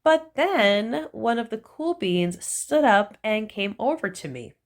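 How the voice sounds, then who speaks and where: This woman's fairly high, expressive voice carries a children's picture book in a relaxed, story-time manner. Playful stress lands on each punchline as her intonation rises and falls. Throughout, she keeps things slow, gentle, and deliberate.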